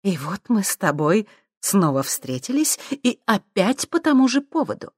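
A woman reading an audiobook, voicing a cold, ruthless mother who speaks calmly and with menace. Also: mid-range voice, husky, no room sound, studio quality, voice pushed up. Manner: calm, cold, measured.

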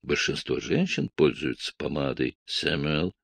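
A man reading aloud and voicing a timid but brave middle-aged woman who speaks gently and hesitantly. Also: medium pitch, lively intonation, moderate pace, dry recording, voice pushed up, lightly acted.

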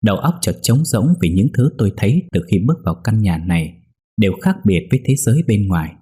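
A male storyteller reads a first-person ghost story in a somber, measured manner. His voice is deep, dark and strongly husky. Faint music plays underneath. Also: lively intonation. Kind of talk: horror story narration.

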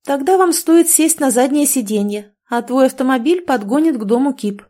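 A woman voicing a brisk, bossy young woman friend in an audiobook, speaking in a commanding way. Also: sits high, lively intonation, dark tone, pitched above the performer's own voice.

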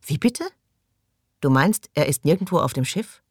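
Audiobook figure: reasoning male technician, brisk, read by a man. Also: on the high side, animated, dry recording, clean studio sound. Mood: puzzled, insistent. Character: rational, puzzled male ship technician.

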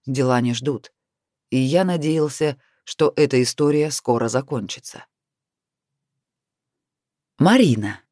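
A man narrating an audiobook in an even, steady reading voice. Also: mid-range voice, normal speed, dry recording, studio quality. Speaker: audiobook reader.

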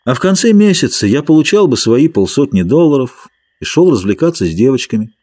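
A man voicing a tired, quiet male ranch worker who talks in a flat, low-key way in an audiobook reading. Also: fairly quick. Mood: weary. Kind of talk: audiobook character voice.

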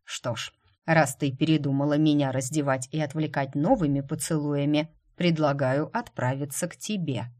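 A woman voicing a calm, mocking aristocratic count in an audiobook, unhurried and dryly teasing. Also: low voice.

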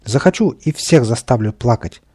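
A man's voice: medium pitch, expressive, normal speed, a little mellow, husky. A man voicing a tiny, scruffy, boastful and cowardly male creature in a storybook reading, with a bratty, whining manner. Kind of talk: storybook character voice.

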